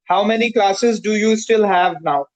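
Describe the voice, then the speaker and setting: A man from Pakistan practicing English over a video call, speaking carefully with many "uh" pauses. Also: sits high, highs cut off. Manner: careful, hesitant, frequent "uh" pauses. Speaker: English learner. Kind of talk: conversation practice.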